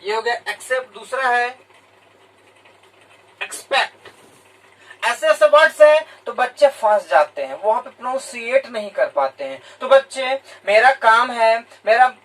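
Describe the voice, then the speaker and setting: A man's voice: very high voice, big pitch swings, moderate pace, hardly any pauses, fairly bright tone, recorded from a distance, low-quality recording. A man from India, a teacher giving a motivational talk to students, explaining points and repeating key words in two languages. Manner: explanatory, repeats key words in English and Hindi, addresses listeners directly.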